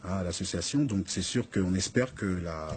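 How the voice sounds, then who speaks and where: A man's voice: low voice, normal speed, darkish tone, a little hiss or hum. A man speaking as an association's guest in a studio interview, explaining hesitantly with many fillers.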